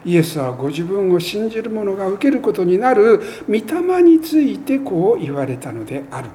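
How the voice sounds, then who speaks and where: A pastor delivers a sermon in a high, animated voice that swoops up for emphasis. He sounds earnest, with measured pauses between phrases, and his pitch climbs and dips freely as he preaches. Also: a little hiss or hum.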